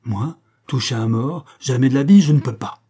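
Un homme qui joue une énorme brute masculine, peureuse devant les morts, d'une voix plaintive et forte. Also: male voice, medium pitch, animated, normal speed, dark tone, breathy edge. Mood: gruff. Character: brutal hulking male thug, squeamish about corpses.

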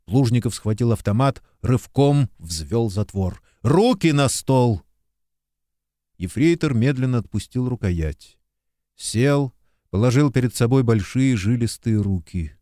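Brief: male narrator, measured and unhurried, dry close sound. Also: medium pitch, no room sound. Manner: even, measured storytelling. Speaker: audiobook narrator. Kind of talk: scripted narration.

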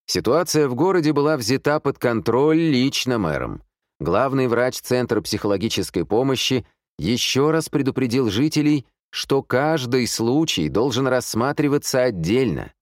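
A man voices a radio news announcer, formal and announcing, in a sing-song, mid-range voice at a moderate pace. He pitches it above his own voice, though it stays close to an everyday voice. The studio sound is clean with no echo.

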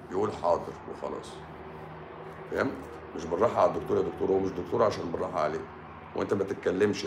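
A man's voice: deep voice, vocal fry, slight background noise. A man with an Egyptian accent, a doctor hosting a live stream, lecturing viewers in a stern, sarcastic way. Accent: Egyptian Arabic. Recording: echoey room.

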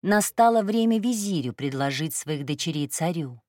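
Low-voiced woman calmly narrating a storybook. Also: moderate pace, no echo. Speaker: audiobook narrator. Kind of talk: scripted first-person narration.

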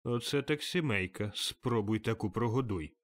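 A man voicing a humbled, timid old miser who speaks quietly and meekly. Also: fairly low pitch, moderate pace, no room sound, natural voice. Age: older. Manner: quiet and meek.

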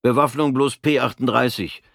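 A man voicing an evasive, quick-tempered soldier who answers curtly and defensively. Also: medium pitch, vocal fry, fairly bright tone, no room sound, clean studio sound, pitched above the performer's own voice. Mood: formal. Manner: curt, defensive.

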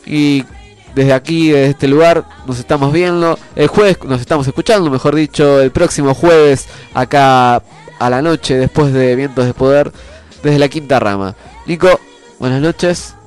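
A man's voice: mid-range voice, unhurried, darkish tone, clear, resonant tone. A man with an Argentine accent and a nasal voice stuffed up by a cold, hosting a community radio show in a conversational, earnest way. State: congested with a cold. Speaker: radio host. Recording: music playing under the voice.

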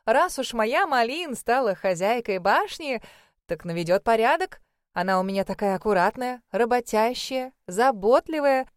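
A woman voicing a hearty, fussing middle-aged mother-in-law who talks loudly and exclaims a lot. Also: a little high, animated, normal speed, no echo, studio quality, natural voice. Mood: boisterous.

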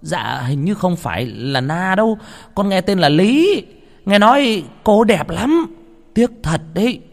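A man's voice: sits high, sing-song, measured pace, creaky, in a large hall, pitched above the performer's own voice, full character voice. A man voicing a nervous, stammering young male servant in a ghost story. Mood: fumbling. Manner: stammering, eager.

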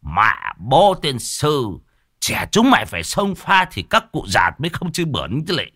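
A man voicing a boisterous, drunk old man who shouts bossy toasts. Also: mid-range voice, wildly swooping pitch, measured pace, no echo, clean studio sound, voice pushed up, heavily acted. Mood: rowdy.

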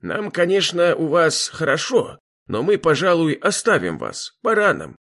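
A man voicing a gruff, sardonic old bearded man who talks bluntly and mockingly. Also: fairly high pitch, huge pitch swings, measured pace, fairly bright tone, pitched above the performer's own voice, exaggerated voice. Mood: wry.

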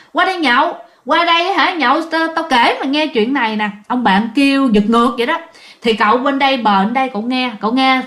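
A woman tells a ghost story in a loose, chatty way. Her voice sits high, and she keeps turning to address her listeners as she goes. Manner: chatty, addresses listeners directly, acts out quotes. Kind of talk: casual spoken storytelling.

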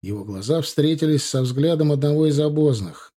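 Мужчина читает аудиокнигу, мягкий голос. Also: male voice, on the high side, lively intonation, moderate pace, dark tone. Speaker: audiobook narrator. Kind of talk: audiobook narration with character voices.

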